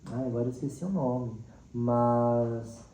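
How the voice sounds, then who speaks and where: Speaking with a mellow, medium-pitched voice, fairly even and a little slow, this man is a teacher being interviewed. He comes from Mato Grosso do Sul with a central-western Brazilian accent and tells casual, expressive, animated stories sprinkled with acted quotes. The mic is distant in a roomy space with faint background noise.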